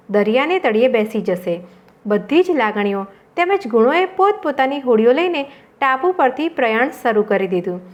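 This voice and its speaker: A woman reading a storybook tale aloud in a calm, measured way. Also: high voice. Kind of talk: storybook narration.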